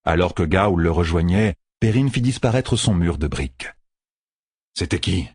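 A man narrating an audiobook in an expressive storytelling manner. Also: sits low, moderate pace, husky, no echo, clean studio sound. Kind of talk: scripted narration.

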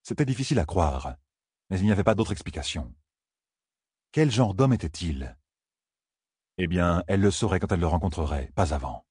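A man reading a fantasy novel aloud, in an expressive storytelling manner. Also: deep voice, moderate pace, pauses often, breathy edge, no room sound, clean studio sound. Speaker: audiobook narrator. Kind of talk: scripted narration.

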